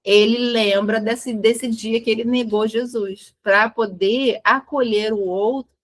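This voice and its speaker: Woman, higher-pitched voice, earnest spiritual study talk, retells scripture with restarts. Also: fairly even intonation, takes it slowly. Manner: earnest storytelling, voicing quotes with restarts. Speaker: study group speaker.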